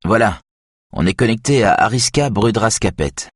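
A man's voice: fairly low pitch, animated, normal speed, slightly rough, dry recording, clean studio sound, pitched above the performer's own voice. A man voicing a nervous, defiant young male hacker who talks in a tense, insistent way.

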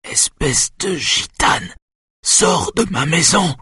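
A man reads a bitter mother in an audiobook, hissing her words out high and slow. Her voice is very breathy and husky, and the recording is close and dry. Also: expressive, bright, forceful tone, no echo, heavily acted. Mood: furious. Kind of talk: audiobook character voice.

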